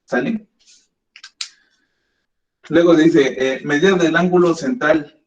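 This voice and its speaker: A man's voice: fairly high pitch, takes it slowly. Male teacher in echoey classroom. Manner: patient, guiding students step by step. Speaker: math teacher. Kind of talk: classroom lesson. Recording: echoey classroom, dull lo-fi sound.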